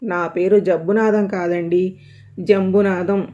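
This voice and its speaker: A woman's voice: mid-range voice, flat delivery, moderate pace, mellow, lo-fi sound, lightly acted. A woman voicing a timid, bewildered man at the hospital in a storybook reading, speaking in an earnest, flustered way.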